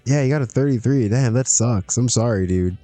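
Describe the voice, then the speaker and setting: A man's voice: medium pitch, fairly quick, dark tone, dry recording, faint music behind. Laid-back man chatting over a game. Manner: chatty, laughs often, talks to himself. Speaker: streamer playing a wrestling management game. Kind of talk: casual gameplay commentary.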